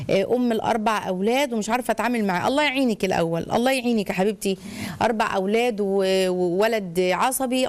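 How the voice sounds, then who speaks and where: A middle-aged woman with an Egyptian accent, giving family advice on a live call-in show in an animated way. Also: fairly high pitch. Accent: Egyptian Arabic. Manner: animated, acts out shouting voices in stories. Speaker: family counselor answering viewers.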